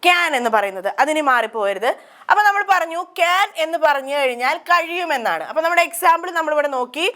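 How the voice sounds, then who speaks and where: A woman's voice: high-pitched, lively intonation, a little fast, bright, forceful tone. A woman with a Malayali accent teaching English grammar, asking questions and answering them herself. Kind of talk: grammar lesson explained in Malayalam.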